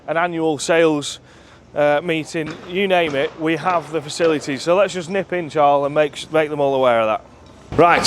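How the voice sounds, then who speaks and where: Recorded on a camera his companion holds, with a little hiss or hum, a man whose voice is on the high side casually tours his shooting ground. He's enthusiastic and talkative, using plenty of ums and a bit out of breath heading uphill, ending up inside a clubhouse.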